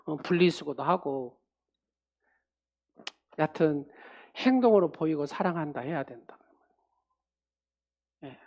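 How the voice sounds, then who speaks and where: A woman pastor preaching a sermon. She calls on the congregation, acts out quoted speech, and swings from loud to quiet. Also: fairly low pitch, dull audio. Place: church.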